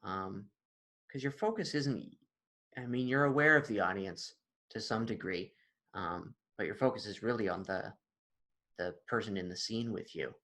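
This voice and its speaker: Low-voiced man musing, self-mocking. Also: moderate pace, sharp tone, poor audio. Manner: thoughtful, self-mocking, trails off and restarts. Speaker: actor and improviser, guest. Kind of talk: casual conversation.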